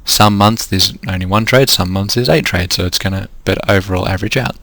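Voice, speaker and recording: A trading coach with an Australian accent teaches a screen-recorded lesson, walking through the numbers step by step as he loses his voice. He speaks fairly quickly in a low-sitting, fairly bright voice, and the recording is dry.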